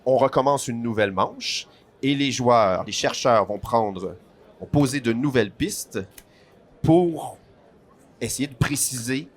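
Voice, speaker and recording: A man explains a board game's rules at a festival stand, patiently and one step at a time. His pitch sits in the middle range, and now and then he slips in a dry joke. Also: animated, unhurried. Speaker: board game publisher guest.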